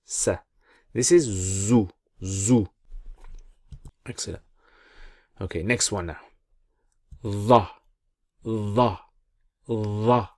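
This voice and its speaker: A man teaching pronunciation in a call-and-repeat lesson, encouraging and deliberate as he repeats sounds for learners. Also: fairly low pitch, darkish tone, no echo, studio quality. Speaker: Quran reading teacher.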